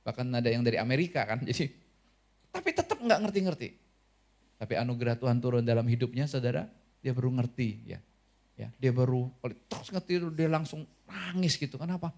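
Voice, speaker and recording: A man preaching a sermon as pastor, lively and asking the congregation questions, with an Indonesian accent. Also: medium pitch, brisk.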